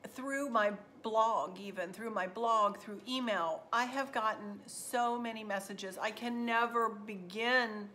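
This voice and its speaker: A woman, chatting warmly to viewers in a home vlog from her kitchen and often repeating words for emphasis. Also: on the high side, slow pace, few pauses, slight background noise. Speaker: vlogger.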